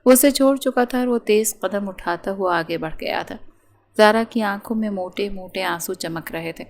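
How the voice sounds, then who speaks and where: A woman narrating a romance novel audiobook with steady, dramatic storytelling. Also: medium pitch.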